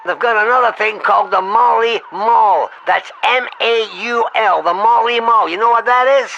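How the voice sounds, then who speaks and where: In a comedy phone-call sketch, a man uses a full character voice, high, creaky, pushed and bright, at normal speed, with a little hiss or hum on the audio. He plays an exasperated, foul-mouthed talent agent, dismissive, blunt and sarcastic, scolding his client and talking over him.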